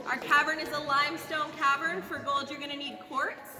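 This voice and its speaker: A woman's voice: sits high, level tone, normal speed. A woman working as a tour guide, giving jokey, folksy commentary to a group in an echoing cave. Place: inside a large underground cavern. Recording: echoey cave reverb, music behind.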